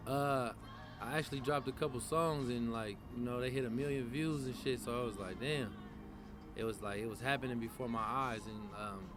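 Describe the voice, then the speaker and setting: A rapper in his 20s from the San Francisco Bay Area chats casually in an interview, loose and slangy, full of fillers and restarts. His voice is medium-pitched at a normal speed, with music playing behind him.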